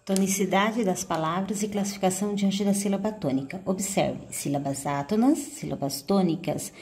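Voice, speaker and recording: A woman teacher with a Brazilian Portuguese accent, giving a video lesson to schoolchildren and slowly stressing syllables as she sounds out words. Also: medium pitch, a little mellow.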